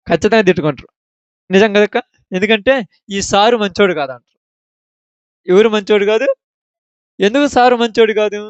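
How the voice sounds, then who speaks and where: A man's voice: high-pitched, smooth, no room sound, lo-fi sound. A man preaching a children's sermon, emphatically asking the children question after question.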